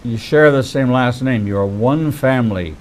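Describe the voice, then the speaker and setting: A man in his sixties hosting a faith-based interview, speaking in measured, preacherly phrases. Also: medium pitch, slight background noise, rough recording. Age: 60s.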